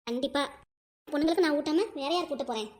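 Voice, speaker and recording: A woman's voice: sits high, quick pace, darkish tone, lightly acted. A woman voicing a short, doting village mother. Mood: fond. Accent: Tirunelveli Tamil.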